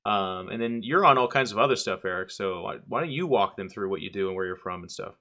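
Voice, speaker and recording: A man's voice: fairly low pitch, lively intonation, fast, pushed and bright. A man hosting a casual podcast chat, joking and rambling loosely as he introduces the talk. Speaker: podcast host.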